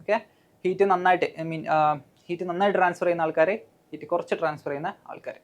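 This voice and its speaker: A woman's voice: lowish voice, steady tone, racing. A woman teacher with a Malayali accent, coaching students for an exam, explaining step by step with frequent "okay" and questions to the class. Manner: mixes English terms into Malayalam.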